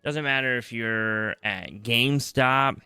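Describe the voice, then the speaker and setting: A man's voice: mid-range voice, slow, pushed and bright, clear, resonant tone, no room sound, clean studio sound, faint music behind. A man with a Northeastern US accent, hosting a casual gaming podcast with a groggy just-woken voice, joking and rambling and repeating himself. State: groggy morning voice. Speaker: podcast host. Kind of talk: casual chat.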